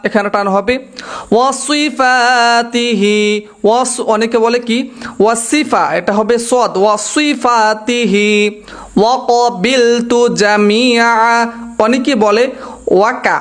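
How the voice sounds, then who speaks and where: A man with a Bangladeshi Bengali accent teaches a religious text line by line, chanting each phrase slowly and then quickly explaining how to pronounce it. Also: very high voice, steady tone, a bit bright, clear, resonant tone. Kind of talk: slow recitation lesson with pronunciation notes.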